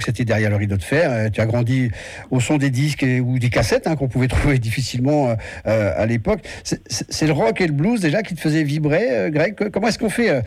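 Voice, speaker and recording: A man's voice: medium pitch, a little mellow, husky, no echo. A man hosting a radio interview, asking his guest long, leading questions with the odd filler.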